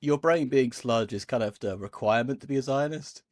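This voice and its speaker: A man's voice: mid-range voice, a little fast, a little mellow, dry recording. A man co-hosting a podcast, telling rambling, profane, wry anecdotes in casual chat. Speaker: podcast co-host.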